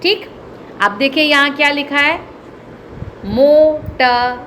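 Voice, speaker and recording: A woman's voice: sits high, lively intonation, a bit bright, slight background noise. A woman teacher giving an online reading lesson to children, sounding out words one at a time. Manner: slow, word-by-word dictation-style reading.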